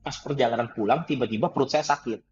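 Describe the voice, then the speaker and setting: A man telling a personal story in conversation, animated, laughing often and acting out the dialogue. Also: medium pitch, quick pace, lo-fi sound, faint music behind. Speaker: guest trainer.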